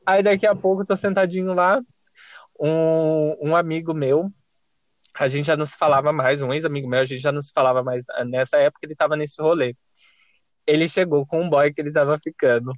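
A young man with a Brazilian Portuguese accent, hosting a podcast and telling a lively, self-mocking story with casual swearing. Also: on the high side, fairly quick, dry recording. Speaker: podcast host.

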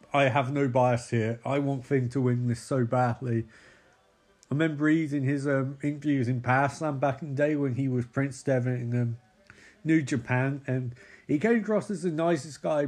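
A man's voice: on the high side, darkish tone. Rambling, enthusiastic man. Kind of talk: casual commentary.

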